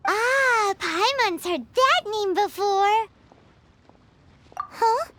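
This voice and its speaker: A woman voicing a small, childlike fairy companion in a video game, with a squeaky, excitable, chatty delivery. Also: very slow, very noisy, exaggerated voice. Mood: curious. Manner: refers to self in third person, exclamatory.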